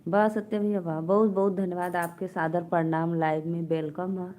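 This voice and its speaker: A woman's voice: on the low side, flat delivery, normal speed, warm tone, slight background noise. A woman with an Awadhi accent hosting a casual live stream from a phone, reading out viewer comments and bantering playfully with them.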